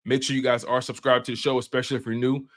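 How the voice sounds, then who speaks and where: In a live sports-show stream, a man in his 20s chats with viewers in relaxed slang, repeatedly restarting sentences and repeating himself. His mid-range voice comes out rapid-fire.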